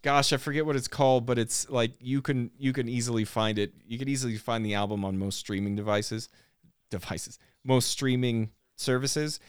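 A man hosting a podcast in a studio, chatting casually, relaxed and rambling with lots of fillers and restarts. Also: medium pitch, moderate pace, clear, resonant tone, no room sound. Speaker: podcast host. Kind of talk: casual chat.

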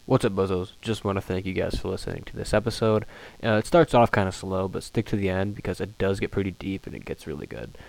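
A man's voice: low-pitched, fast, creaky, a little mellow, a little hiss or hum, rough recording. A man delivering a short laid-back intro message for his podcast episode, easygoing and apologetic. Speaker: podcast host.

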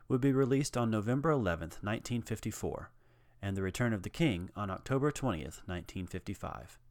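A man narrating a documentary in a measured, earnest storytelling manner, reading out quotations. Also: fairly low pitch, no room sound, studio quality. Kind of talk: scripted narration.

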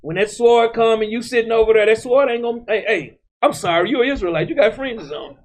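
A man with a high voice preaches a street-style sermon. He talks loosely and forcefully, repeats words as he builds each point, and keeps tagging "man" onto his lines. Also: fairly quick.

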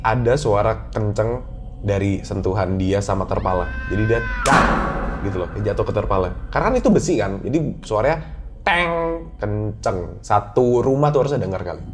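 A man's voice: on the low side, brisk, noisy background. A young man with a Jakarta accent, animatedly telling a childhood ghost story in a casual podcast chat. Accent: Jakarta slang. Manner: animated storytelling, acts out his own childhood voice. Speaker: guest storyteller.

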